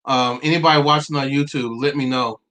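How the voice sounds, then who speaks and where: A man in his forties hosting a live-streamed talk, earnest and halting, stopping often to restart and to read out viewer comments. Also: mid-range voice, fairly even intonation, pushed and bright. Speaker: livestream host.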